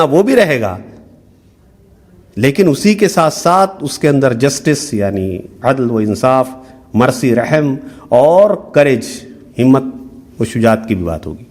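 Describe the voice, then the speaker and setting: A man's voice: on the high side, darkish tone. A middle-aged man giving a workshop lecture. He explains step by step, drops English terms into his talk and keeps asking "hai na?". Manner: explanatory, mixing in English terms, frequent "hai na" tag questions.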